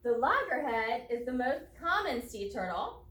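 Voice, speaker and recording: A woman teacher reads to young students in a fairly high, sing-song, slightly bright voice, pausing to explain each step deliberately as she thinks aloud. The microphone is distant, and the room adds a roomy echo.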